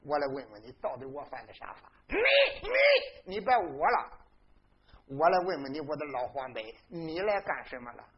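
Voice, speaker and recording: A storyteller voicing a polite but sharp-tongued young male hero who argues in pointed questions. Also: fairly high pitch, wildly swooping pitch, moderate pace, voice pushed down. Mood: indignant. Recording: dull lo-fi recording.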